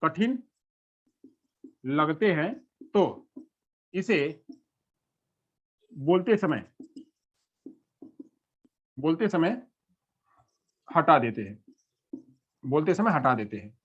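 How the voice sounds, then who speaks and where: A man's voice: fairly high pitch, very animated, very slow, long pauses, husky. A male teacher giving an exam-prep lecture, repeating himself and asking questions he then answers. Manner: repetitive, asks and answers his own questions. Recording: dull lo-fi recording.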